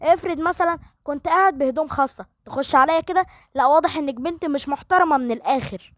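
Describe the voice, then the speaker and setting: A woman's voice: a little high, fast talker, dry recording, studio quality, close to an everyday voice. A woman voicing an angry, bossy young man in a wheelchair, with an Egyptian Arabic accent. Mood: indignant. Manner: snapping and bossy.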